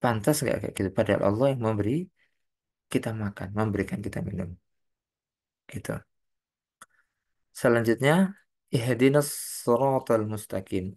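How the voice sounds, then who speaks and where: A man's voice: fairly low pitch, moderate pace, vocal fry, long pauses, darkish tone. A man giving an online Quran commentary lesson, explaining patiently, asking rhetorical questions and reciting Arabic phrases. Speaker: Quran tafsir teacher. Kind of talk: online religious lecture. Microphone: online lecture mic.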